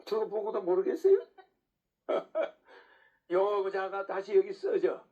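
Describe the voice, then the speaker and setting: A man's voice: sits high, expressive, slow pace. A man preaching a sermon in a casual, lecturing way, often checking in with rhetorical questions. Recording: dull lo-fi recording.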